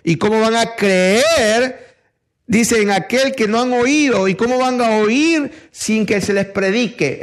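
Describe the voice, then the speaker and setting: A middle-aged man preaching a sermon in an emphatic way, putting rhetorical questions to his congregation. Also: high voice.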